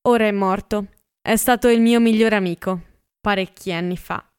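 A woman reading an eager, hurried rich young man. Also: medium pitch, fairly even intonation, clean tone, lightly acted. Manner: hurried, insistent.

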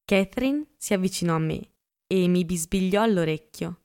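A woman narrating a novel as an audiobook in measured storytelling. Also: fairly low pitch, a little mellow, clean tone. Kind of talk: scripted literary narration.

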